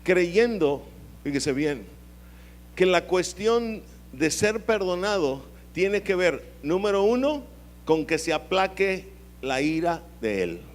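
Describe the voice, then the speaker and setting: A man, preaching a sermon and drawing answers from the congregation, at times rising into a high, pleading voice. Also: big pitch swings, slow pace. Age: 50s. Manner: call-and-response with the congregation; dramatic swings into high pleading voice. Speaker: pastor.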